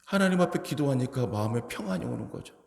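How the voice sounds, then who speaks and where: A male pastor preaching in a church sanctuary, his gravelly voice rising into emphatic appeals. The sound rings with long reverb through a roomy hall. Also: mid-range voice, expressive, fast talker, darkish tone. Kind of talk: sermon.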